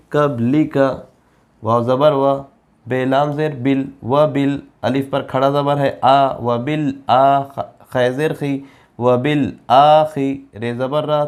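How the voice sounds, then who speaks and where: A man teaching Quran reading, spelling syllables slowly one by one and then explaining the rules in quicker asides. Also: medium pitch, darkish tone, clean tone. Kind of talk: slow letter-by-letter spelling lesson.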